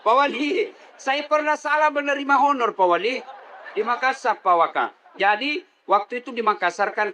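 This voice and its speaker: A man's voice: very high-pitched, sharp tone. A middle-aged man preaching a comedic sermon, teasing the crowd and leading call-and-response. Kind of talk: comedic sermon to a live audience.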